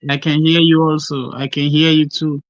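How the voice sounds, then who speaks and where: A man's voice: a little high, level tone, normal speed, dry recording. A young man, a guest artist, heard over a glitchy international internet call, apologetic and checking whether he can be heard. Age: young adult. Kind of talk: casual call-in chat. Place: remote location abroad on a call. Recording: muffled lo-fi call audio from far off.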